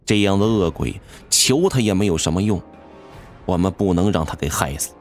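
Lively low-voiced male horror narrator. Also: moderate pace. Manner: expressive, dramatic storytelling. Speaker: audiobook narrator. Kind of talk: first-person horror audiobook narration. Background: faint music.

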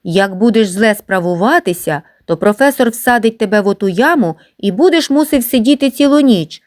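A woman's voice: medium pitch, expressive, moderate pace, lightly acted. A woman voicing a gang of mischievous schoolboys who tease and boss a newcomer in a storybook reading. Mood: mocking. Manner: taunting, bossy shouts. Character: mischievous schoolboys, teasing and mocking.

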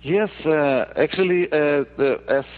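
A man from Ukraine with a Russian accent, a podcast guest chatting haltingly with many pauses. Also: on the high side. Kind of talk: casual interview chat. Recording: tinny phone line.

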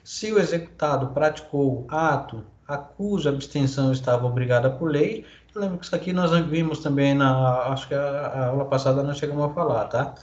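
Over echoey, dull, lo-fi call audio, a man with a Brazilian Portuguese accent lectures online about law. His medium-pitched, darkish voice is brisk and barely pauses as he reads legal articles and unpacks them, using many fillers and tag questions.

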